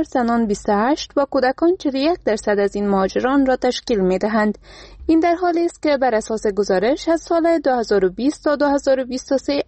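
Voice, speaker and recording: A woman reporter with an Afghan Dari accent reading a scripted radio news report in a steady, formal delivery. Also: a little high, dry recording.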